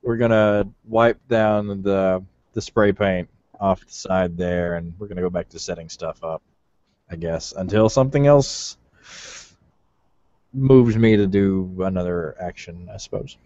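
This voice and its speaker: A man's voice: low-pitched, measured pace, a little mellow, dry recording, highs cut off. A man playing in a tabletop game who chats casually and thinks aloud. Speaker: player.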